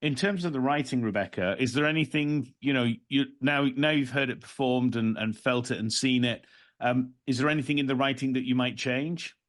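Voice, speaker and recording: On a video call, a podcast host moderates a relaxed discussion in a chatty, conversational way. His mid-range voice is slightly bright and he talks a little fast.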